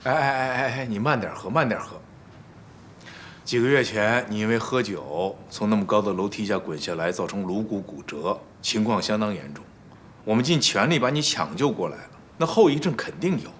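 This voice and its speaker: An actor playing a senior department chief who firmly explains a patient's condition. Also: male voice, on the low side, expressive, a bit bright, a little hiss or hum. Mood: explaining. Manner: firm, measured, explaining. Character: stern male senior doctor, patient and firm.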